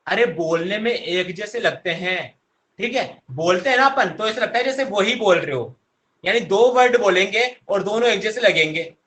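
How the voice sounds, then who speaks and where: A man's voice: high-pitched, bright, forceful tone. A young man teaching an online grammar class, who keeps asking his students questions and answering them himself. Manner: coaxing, addresses students directly. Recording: echoey room.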